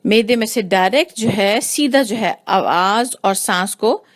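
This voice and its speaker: A woman teaching Quran recitation rules, explaining slowly and repeating each sound to demonstrate it. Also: mid-range voice. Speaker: tajweed teacher. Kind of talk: patient recitation lesson.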